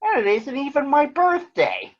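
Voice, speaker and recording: A man voicing an eager, childlike young bird from a children's storybook, exclaiming excitably. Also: extremely high pitch, normal speed, muffled recording, voice pushed up, exaggerated voice. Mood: excited.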